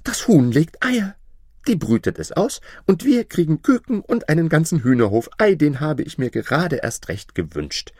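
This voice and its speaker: A man's voice: fairly high pitch, moderate pace, breathy edge, no echo, clean studio sound, voice pushed up. A man playing a gushing old farmer's wife. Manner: gushing, excited, sing-song. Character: cheerful old farmer's wife, doting on husband.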